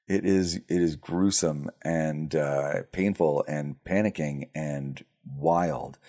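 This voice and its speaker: A man's voice: extremely low pitch, darkish tone. A man reviewing horror films in casual speech, blunt and sarcastic, with frequent ums and restarts. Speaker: film reviewer. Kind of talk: casual spoken movie reviews.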